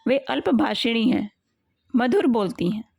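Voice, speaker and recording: Slow, calm woman storyteller. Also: on the high side, creaky, slightly rough, no echo. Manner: measured, calm reading. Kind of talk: storybook narration.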